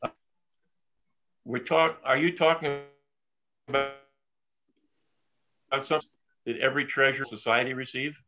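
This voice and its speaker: A man presenting at an online meeting, talking in halting restarts over a crackling connection that keeps cutting out. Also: medium pitch, steady tone, over music. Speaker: presenter on treasurer duties. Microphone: video call from away from home. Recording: dull lo-fi call audio that cuts out.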